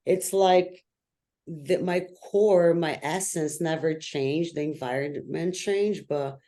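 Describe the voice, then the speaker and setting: A man on a video call reflecting on his past, halting and thoughtful. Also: fairly high pitch, dark tone. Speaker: group participant. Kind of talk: personal sharing.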